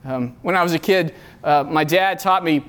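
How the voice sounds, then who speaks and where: High-voiced man preaching earnestly. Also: moderate pace, a bit bright. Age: middle-aged. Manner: earnest, repeats key phrases for emphasis. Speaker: youth pastor. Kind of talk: sermon. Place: retreat meeting room.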